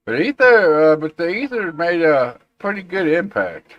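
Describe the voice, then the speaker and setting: A man's voice: fairly high pitch, very animated, moderate pace, highs cut off. A man hosting a tech show, chatting casually and informally and reacting to viewer comments. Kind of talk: casual livestream chat.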